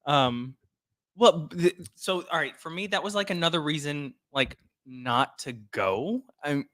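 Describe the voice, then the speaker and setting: A man's voice: fairly high pitch, a little slow, fairly bright tone. Wry man, sassy comebacks. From Louisiana. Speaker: guest co-host. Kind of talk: casual chat.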